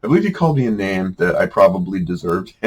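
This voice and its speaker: A man's voice: sits low, sing-song, fast, slightly rough, rough recording. A middle-aged man hosting a casual talk about board games, chatty and wry, with lots of "uh"s and restarts. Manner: chatty, wry, self-deprecating, with frequent fillers and restarts. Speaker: board game show host.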